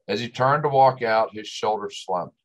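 Male storyteller, lowish voice, West Texas twang and drawl, delivering a scripted first-person monologue. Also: normal speed, low-quality recording. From West Texas, United States.

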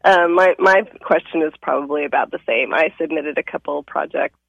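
A woman's voice: low-pitched, fairly quick, creaky, no echo. Woman caller on a dull phone line. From Kansas. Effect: heard over a phone line.

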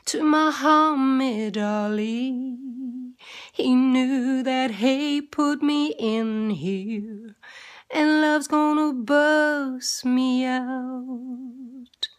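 Guest singer from the UK, woman, high voice, very slow delivery. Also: fairly bright tone. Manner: slow, drawn-out singing. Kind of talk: sung performance.

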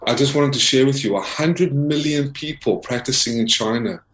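A South African man appears as an investigative reporter and interview guest, presenting earnestly in a formal, emphatic way and often repeating himself. His mid-range voice is a bit bright and moves at a moderate pace. The recording is roomy and echoing, with a little hiss or hum.

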